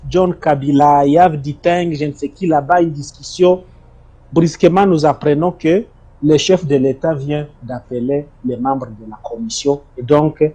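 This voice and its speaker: Dark, husky man testifying. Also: a little high. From Congo (DRC). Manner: emphatic, repeats words and phrases. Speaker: interview guest, former detainee. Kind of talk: testimonial interview.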